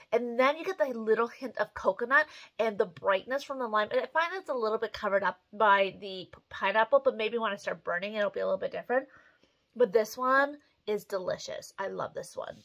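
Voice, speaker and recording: Talking to the camera in a small room at home, a mother reviews candles in a chatty, expressive way. Her voice is mid-range and she speaks briskly.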